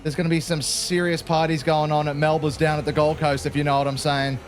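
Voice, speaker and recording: An Australian man commentating his own racing game run in a casual, joking way. His voice sits slightly high, and he keeps dropping in "mate". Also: little pitch movement, brisk. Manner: chatty, jokey, peppered with "mate". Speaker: gaming channel host.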